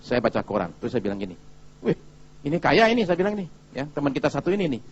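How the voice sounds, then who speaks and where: A male pastor giving a sermon in a lively, chatty storytelling manner, often turning to the congregation with asides. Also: mid-range voice, racing, slightly rough, lo-fi sound.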